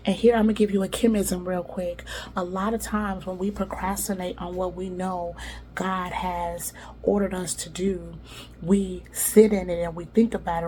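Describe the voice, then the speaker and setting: A woman hosting a devotional podcast, giving faith-based motivational teaching with lively, dramatic storytelling and casual slang. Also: fairly low pitch.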